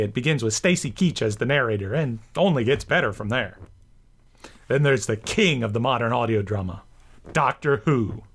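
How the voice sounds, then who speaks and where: A man hosting a rant and commentary show delivers scripted remarks in wordy, bookish phrasing. His voice is on the high side and a bit bright, with background music playing behind him.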